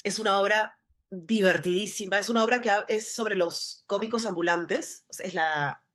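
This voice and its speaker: An actress from Lima talks casually as an interview guest, rambling with many restarts and fillers in Lima Peruvian Spanish. Her voice is mid-range and fairly bright, at a normal speed.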